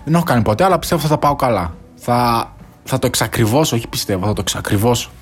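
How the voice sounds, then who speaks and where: Over soft background music, a young podcast host with a mid-range, slightly rough voice chats casually on his own. He's animated and slangy, swearing freely and mixing in English phrases.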